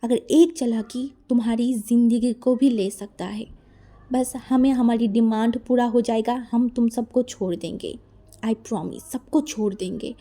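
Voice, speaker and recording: Woman doing a stern kidnapper guy, low quiet warning, mellow tone. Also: steady tone, a little slow. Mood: threatening. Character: male kidnapper, threatening and stern.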